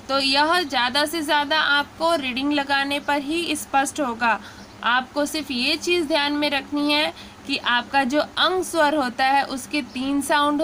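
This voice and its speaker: A woman teaching Hindi pronunciation, talking her students patiently through drawn-out syllable drills. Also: high-pitched, sharp tone, slight background noise. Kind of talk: slow spoken lesson.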